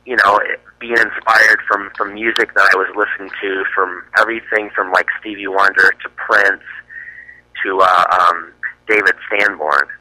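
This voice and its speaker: A man's voice: on the low side, flat delivery, normal speed, bright, forceful tone, no room sound, poor audio. A young man from the US East Coast, a musician answering interview questions in a casual, hesitant way with many fillers and restarts. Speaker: musician guest.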